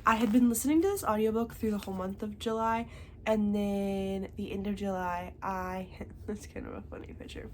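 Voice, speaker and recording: A young book reviewer with a congested voice chats casually about books she has read, often tagging remarks with "okay?". Her mid-pitched voice is a little mellow, with fairly even intonation and a normal speed. There's slight background noise.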